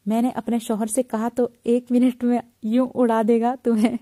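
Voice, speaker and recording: A playful young woman doctor, teasing and boastful about her army husband, as a woman reads her out in a novel reading. The voice is very dark and mellow and sits a little high. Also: level tone, close to an everyday voice.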